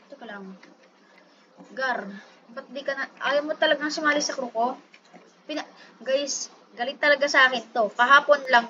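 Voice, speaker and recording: Woman, high-pitched, playful gaming commentary; dull lo-fi recording, audible background noise. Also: pushed and bright. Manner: playful, pleading and defensive, repeats herself. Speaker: gaming YouTuber. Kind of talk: casual gameplay commentary.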